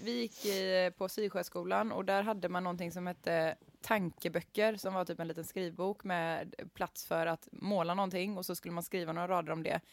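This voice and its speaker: A woman's voice: fairly low pitch, dry recording. A young adult woman, co-hosting a podcast and chatting casually, with a teasing, offhand way of talking. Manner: teasing, offhand, sits back from the mic. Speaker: podcast co-host. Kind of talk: casual chat. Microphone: studio microphone with headphones.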